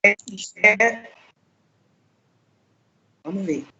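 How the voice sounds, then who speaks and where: A woman speaks in a formal, measured way over a video call. Her audio keeps stuttering and cutting out as the connection breaks up. The sound is dull and lo-fi. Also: mid-range voice, bright, forceful tone. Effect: choppy, breaking-up call audio. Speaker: round-table moderator. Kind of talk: online webinar moderation.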